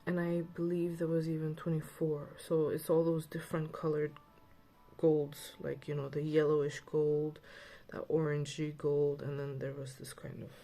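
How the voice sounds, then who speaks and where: Slow, mellow woman with a lisp. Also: low voice. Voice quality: slight lisp. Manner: rambling, chatty, with many fillers. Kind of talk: casual chat.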